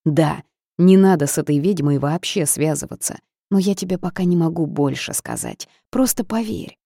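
A woman's voice: low-pitched, normal speed, gravelly, warm tone, no room sound, studio quality. A woman voicing a secretive, gluttonous male forest creature with a wry, teasing manner. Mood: urgent.

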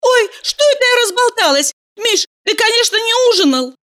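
A woman's voice: extremely high pitch, expressive, moderate pace, a bit bright, pitched above the performer's own voice. A woman voicing a cheerful, playful young heroine in a bubbly, chirpy, exclamatory way.

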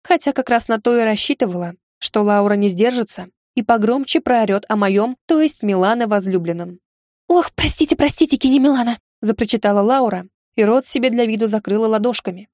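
A woman's voice: medium pitch, fairly quick, a little mellow, no room sound, clean studio sound. Wry woman reading a fantasy novel. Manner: wry, ironic storytelling. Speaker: audiobook narrator. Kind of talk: first-person audiobook narration.

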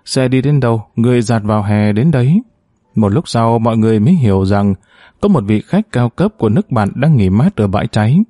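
A man narrating a story aloud in a measured, expressive audiobook style. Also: medium pitch, no room sound, clean studio sound.

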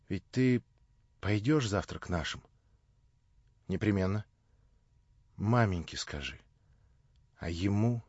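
A male reader voicing a tired, anxious young woman who speaks softly and wearily. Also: low voice, slightly rough, no echo, highs cut off, full character voice. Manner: soft, weary, pleading.

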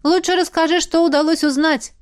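A woman's voice: extremely high pitch, steady tone, brisk, pitched above the performer's own voice. A woman reader voicing a bossy young female friend who lectures and gives orders. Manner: lecturing, mock-commanding.

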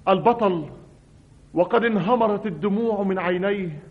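A man's voice: high voice, moderate pace, dull audio, a little hiss or hum. A man narrating a comic monologue in an exasperated, mock-dramatic way on an old radio recording.

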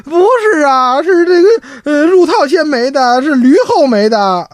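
A man's voice: very high voice, a little slow, a little hiss or hum, pitched above the performer's own voice. A man voicing a foolish young man who wails and blubbers through his words in a Beijing storytelling piece. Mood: wailing. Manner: blubbering, stammering cries.

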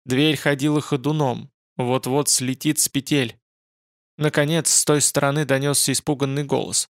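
A man narrating a fantasy audiobook in a measured, dramatic way. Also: mid-range voice, little pitch movement, dry recording, studio quality.

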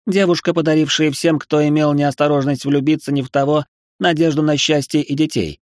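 A man voicing a scholarly male angel in an audiobook, measured, analytical and wry. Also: fairly high pitch, level tone, a little mellow, dry recording, clean studio sound, lightly acted. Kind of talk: audiobook character reading.

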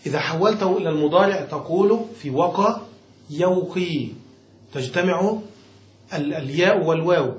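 A man explains a classic Arabic grammar text to a student, reading passages aloud, then explaining them and frequently asking whether he is understood. His voice is a little high at normal speed, recorded in an echoey room with faint noise.

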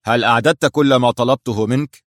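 A man's voice: mid-range voice, quick pace, dry recording, studio quality, natural voice. A man voicing a stern male crime boss who gives clipped, cold orders.

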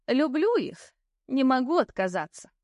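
Audiobook: woman voicing old ghost fortune teller, slow mocking drawl, highish, dry. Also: very animated, a little mellow, dry recording. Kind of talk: audiobook character voice.

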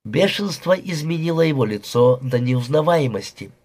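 Husky male audiobook narrator. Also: on the high side, lively intonation, moderate pace, darkish tone. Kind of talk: first-person audiobook narration.

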